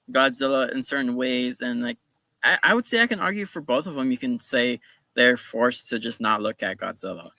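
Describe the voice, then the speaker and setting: A man's voice: medium pitch, sharp tone, no echo. A man on a casual panel podcast, pushing back on a point with insistent, rambling arguments. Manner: insistent, hedging with "like".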